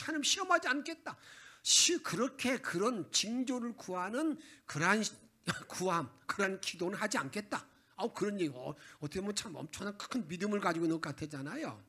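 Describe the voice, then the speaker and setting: A man's voice: high-pitched, pushed and bright, husky. A man preaching a Sunday sermon as pastor, emphatic and acting out quoted voices. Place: church sanctuary.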